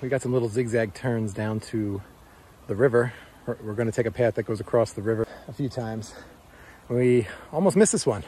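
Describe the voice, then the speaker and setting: A man's voice: mid-range voice, normal speed, warm tone, a little hiss or hum. A man narrating his hike casually into a handheld camera outdoors, chatting and playfully scolding the animals around him. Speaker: hiking vlogger. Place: outdoors on an alpine pasture and trail.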